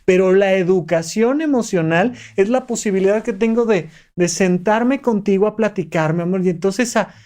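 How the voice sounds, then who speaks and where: A man's voice: high voice, normal speed, hardly any pauses, darkish tone. A man hosting a podcast, teaching step by step in a coaxing, explanatory way. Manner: didactic, enumerates steps, coaxing tone with listener. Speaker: podcast host. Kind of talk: motivational podcast monologue.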